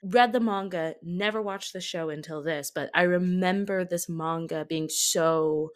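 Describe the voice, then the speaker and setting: A woman with a lowish, unhurried voice co-hosts a casual podcast about anime. She's giggly, often chuckling as she talks.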